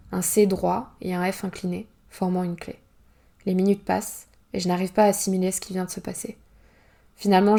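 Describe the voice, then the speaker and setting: A woman author reading her own novel aloud in first-person narration, calm and even. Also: mid-range voice, vocal fry.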